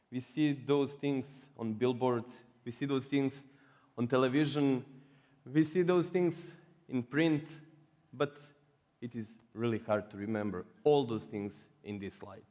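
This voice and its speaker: A man's voice: mid-range voice, measured pace, darkish tone. A man from Serbia with a Serbian accent, giving a playful, joking conference talk to a live audience. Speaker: conference speaker. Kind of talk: humorous presentation. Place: conference hall. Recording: reverberant hall.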